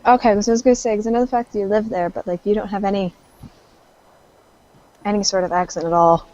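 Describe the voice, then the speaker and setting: A woman's voice: medium pitch, fairly even intonation, fast, mellow. A woman player chatting casually before a tabletop game, rambling on in a chatty way. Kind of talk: casual chat. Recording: dull lo-fi voice chat.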